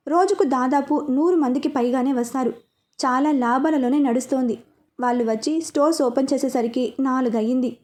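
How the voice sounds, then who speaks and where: High-voiced woman narrating a story. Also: darkish tone.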